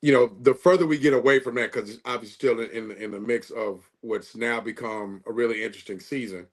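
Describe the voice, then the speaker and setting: A middle-aged man co-hosting a football talk show, taking a measured, historical angle on the team. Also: medium pitch, fairly even intonation. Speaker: sports show co-host. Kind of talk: reflective sports talk.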